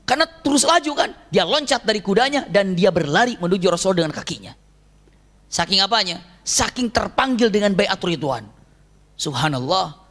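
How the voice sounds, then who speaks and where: A male Islamic preacher, telling a story in a religious lecture, animated and asking his listeners questions. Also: high-pitched, normal speed. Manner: animated, acts out shouted quotes, asks the audience questions.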